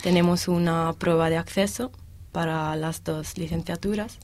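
A young woman in her twenties from Italy, speaking Spanish as a second language with an Italian accent, answering interview questions with pauses while she searches for words. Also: lowish voice, steady tone, a little mellow. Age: 20s. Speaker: guest, exchange student.

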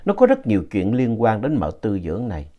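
A man narrating a ghost story in a slow, retelling manner. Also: lowish voice, huge pitch swings, lo-fi sound.

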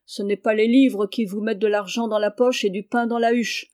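A woman's voice: medium pitch, fairly even intonation, brisk, darkish tone, close to an everyday voice. A woman reading the part of a stern, harsh peasant father who scolds and mocks his sons. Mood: scolding. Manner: gruff, scolding, mocking.

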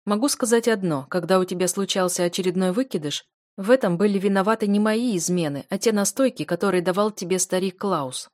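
A woman's voice: medium pitch, fairly quick, a little mellow, no echo, studio quality, natural voice. A woman reading an audiobook and voicing a husband confessing in an earnest, serious way. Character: grown man, husband, guilty and earnest.

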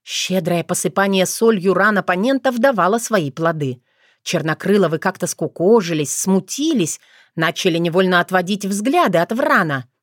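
A woman narrating a fantasy story in an expressive audiobook reading. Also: on the low side, moderate pace, dry recording, clean studio sound.

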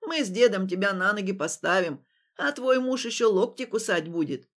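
A woman voicing a brusque, kindly old village woman in an audiobook, speaking in a lowered, louder, slow voice. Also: lively intonation, natural voice. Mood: gruff. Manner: brusque, scolding.

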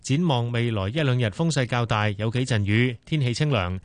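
Male newsreader, measured scripted read, dead-dry booth sound. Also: medium pitch, no room sound. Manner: steady, measured delivery. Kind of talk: scripted news and weather read. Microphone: close studio mic.

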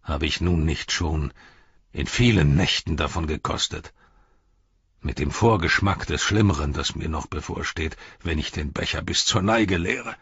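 A man's voice: a bass voice, measured pace, creaky, a bit bright, slightly rough, no echo, highs cut off, heavily acted. Man voicing a bitter old ruler. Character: bitter aging ruler, proud and scornful father. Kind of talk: audiobook character reading.

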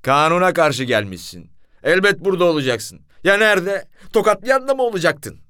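A man voicing a stern gendarme who scolds a detainee in a sharp, raised voice. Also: sits high, big pitch swings, moderate pace, clear, resonant tone, dry recording, clean studio sound, voice pushed up, exaggerated voice. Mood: scolding. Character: stern gendarme warming his hands at a stove.

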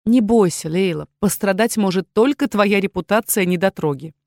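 A woman's voice: medium pitch, moderate pace, darkish tone, dry recording, clean studio sound, natural voice. A woman reading an audiobook, voicing a sly, teasing young woman student with a velvety, honeyed voice. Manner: teasing, mock-sinister at times. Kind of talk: audiobook character voice.

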